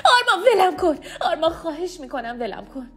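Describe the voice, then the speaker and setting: A woman voicing a terrified young woman who screams at her captor, high and strained. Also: sing-song, soft background music. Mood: desperate.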